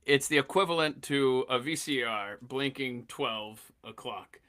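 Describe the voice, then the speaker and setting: Casting: male podcast host, forties, bright forceful tone, excitable and stammering. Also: medium pitch, unhurried. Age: 40s. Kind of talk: casual chat.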